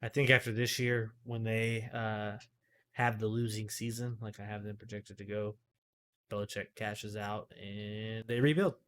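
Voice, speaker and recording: A man's voice: on the low side, level tone, unhurried, fairly bright tone, slight background noise. A man co-hosting a casual fantasy football podcast, rambling and correcting himself as he talks. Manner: rambling, self-correcting, filler-heavy. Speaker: podcast co-host.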